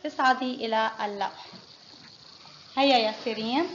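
High-voiced woman teaching kindergarten phonics. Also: moderate pace. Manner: patient, praising, quizzing pupils one by one. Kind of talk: classroom phonics lesson. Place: classroom. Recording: muffled lo-fi with faint noise.

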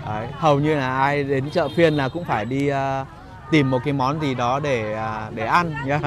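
A man giving a casual walking vlog commentary as a guide, pausing often on fillers as he talks to viewers. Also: medium pitch. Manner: hesitant phrasing with frequent filler pauses. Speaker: market vlogger and guide. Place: outdoors in a busy rural street market. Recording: noisy outdoor market street ambience. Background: market bustle and vehicles.

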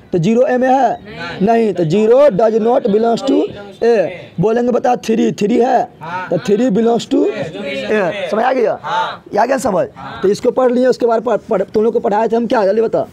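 A man teaching a math lesson in a classroom, speaking with a lilt and drilling his students with repeated questions and slow, drawn-out counting. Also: extremely high pitch, crowd noise.

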